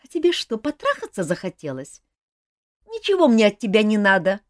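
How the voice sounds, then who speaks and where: A woman's voice: mid-range voice, wildly swooping pitch, brisk, dry recording, studio quality. A woman doing a brash, cheeky young sorceress. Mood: mocking. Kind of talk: audiobook character voice.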